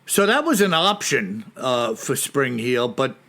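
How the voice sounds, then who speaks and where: A man's voice: medium pitch, very animated, a little slow, a bit bright. An American man co-hosting a casual podcast, laid-back, answering with short agreements and dry jokes. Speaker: podcast co-host.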